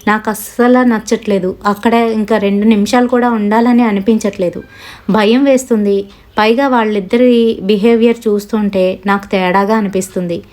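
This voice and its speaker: A woman's voice: mid-range voice, steady tone, moderate pace, a little mellow. A woman telling a first-person horror story in a conversational way, recounting events and dialogue.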